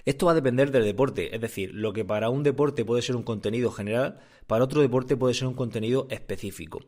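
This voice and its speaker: Guy doing a solo endurance sports podcast, casual explainer, rewords stuff as he talks, mid-pitched voice. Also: quick pace, darkish tone. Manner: conversational, often repeats and rephrases. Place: room indoors. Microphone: condenser microphone.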